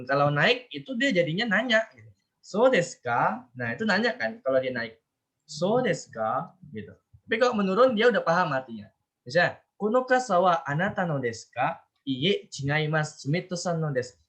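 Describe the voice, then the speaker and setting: A man teaching a casual online language class, chatty, often drawing out example phrases slowly to show their intonation. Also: on the high side, a bit bright. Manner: chatty, rambling asides. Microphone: online class call.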